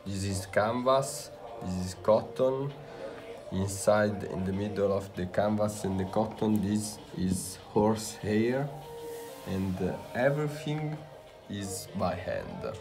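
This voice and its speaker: A young man with an Italian accent gives a casual tour of his tailoring workshop, pausing often with "uh" fillers, recorded on a visitor's handheld camera in an indoor workshop. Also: on the low side, animated, vocal fry, over music. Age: young adult. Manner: halting, with frequent "uh" fillers. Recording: roomy workshop, faint ambience.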